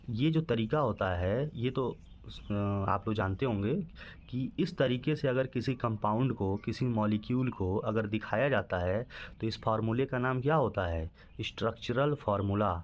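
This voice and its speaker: Man teaching, quizzing the class himself. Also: on the low side. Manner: asks questions and answers them himself, repeats "ठीक है" often. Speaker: chemistry teacher. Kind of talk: classroom-style lesson explanation.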